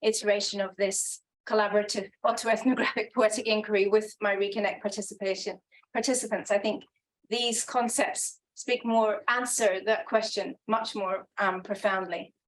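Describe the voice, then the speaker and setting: At a medium pitch and steady tone, she presents her research at a conference at a normal pace. Her delivery is earnest and reflective yet halting, with repeated restarts and ums, captured on a low-quality recording.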